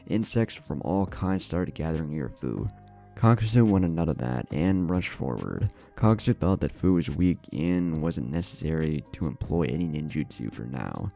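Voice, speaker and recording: An extremely deep, creaky male voice, dark and mellow in tone, tells a scripted tale of a fantasy battle. He's expressive and speaks at a normal speed while music plays underneath.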